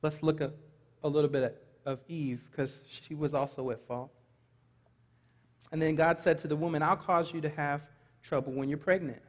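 A man's voice: a little high, fairly even intonation, moderate pace. Middle-aged man, pastor preaching, earnest, scripture reading, long church reverb. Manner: earnest preaching, reads scripture aloud, light asides. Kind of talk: sermon. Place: large church sanctuary stage. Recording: long reverb of a large hall.

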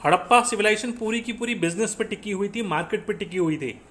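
A man with a high, slightly bright voice talks fast as he leads an exam-prep lesson, walking through the material step by step. His classroom lecture includes quiz questions he answers himself, and he often slips English phrases in.

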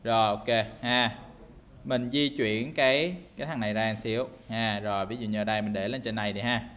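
A man with a lowish, fairly bright voice teaches game programming in a screen-recorded tutorial. He talks briskly and casually with fairly even intonation, thinking aloud and filling his speech with fillers and tag questions.

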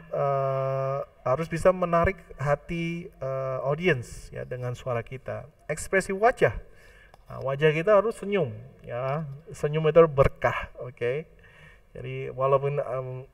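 A man with an Indonesian accent teaches a class, slipping English phrases into his explanations and pausing often on fillers. The sound is dry, and he sits some distance from the microphone. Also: medium pitch, dry recording. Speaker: lecturer. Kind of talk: online class lecture.

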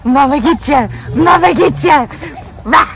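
A woman's voice: sits high, measured pace, creaky, a bit bright. A young woman vlogging as a stay-at-home mom, chatting casually and playfully with her toddler while filming on a handheld phone outdoors. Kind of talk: casual vlog narration. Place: outdoors at a park and shopping street. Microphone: handheld phone camera. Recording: noisy outdoor phone recording.

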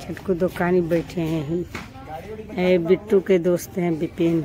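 A woman's voice: on the low side, level tone, measured pace, mellow. A woman vlogging casually outdoors in a vegetable garden, talking straight to her viewers as friends while she picks vegetables. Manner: keeps addressing viewers as friends. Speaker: family vlogger. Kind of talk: casual vlog narration.

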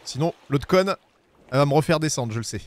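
A man streaming a video game, chatting casually with viewers and swearing, with bursts of shouting at the animals in the game. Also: on the high side, expressive, fast talker, slight background noise. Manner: talks to his chat viewers. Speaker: streamer playing a climbing game. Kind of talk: casual gameplay commentary.

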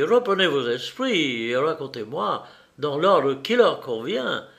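Man doing a brilliant restless detective, crisp and sure, fairly high voice, audiobook. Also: fairly bright tone. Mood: wry, assured. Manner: brisk, precise and self-assured. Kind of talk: audiobook reading.

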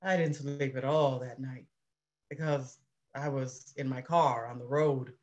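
A woman reading the part of an anxious mother recounting wartime, in an earnest, measured dramatic reading over a video call. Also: rumbling low, fairly even intonation, a little mellow, highs cut off. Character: anxious middle-aged mother recounting war. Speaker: reader in a play reading.

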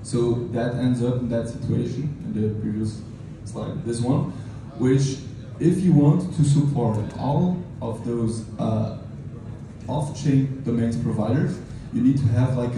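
A man in his thirties speaking at a conference in an informal technical lightning talk, with hesitant, halting delivery and repeated words. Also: mid-range voice, fairly even intonation. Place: medium conference room, indoors. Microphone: handheld mic through PA, picked up by a distant camera. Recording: roomy, distant, noisy room recording.

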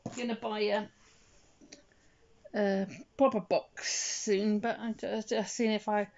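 Dressing a doll by a bed indoors at home, a woman who vlogs about dolls as a hobby chats in a loose, rambling way and murmurs to herself, her heavy breathing audible. Her mid-range, darkish voice is flat, creaky and slow, and the phone recording sounds slightly dull and lo-fi.

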